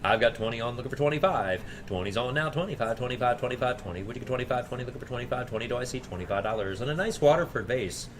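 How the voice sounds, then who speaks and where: A man's voice: medium pitch, fast, few pauses, background noise. A man working as an auctioneer, running a repetitive chant of numbers with informal, chatty asides.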